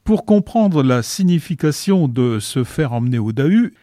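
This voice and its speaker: A man with a soft, warm tone narrates in the manner of a nature documentary. His delivery is scripted and deadpan, with a mock-scholarly seriousness. The voice sits a little higher than average for a man and sounds close and dry, with hardly any room around it. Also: normal speed, no room sound. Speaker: radio presenter of a local-culture segment.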